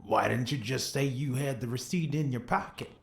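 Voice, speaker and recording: A man's voice: mid-range voice, normal speed, creaky, reverberant, soft background music, lightly acted. An actor playing a skeptical male detective in a video game, asking sardonic, probing questions.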